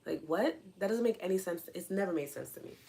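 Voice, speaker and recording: A woman's voice: fairly low pitch, fast, vocal fry. Earnest woman livestreaming to her chat. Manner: earnest, questioning, animated asides. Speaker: livestream host, spiritual coach. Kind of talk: casual livestream talk, reading chat.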